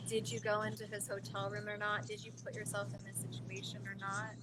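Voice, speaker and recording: Female podcast host, mid-pitched, earnest and chatty, recorded with loud vehicle noise in the background. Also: monotone, brisk. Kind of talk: conversational interviewing.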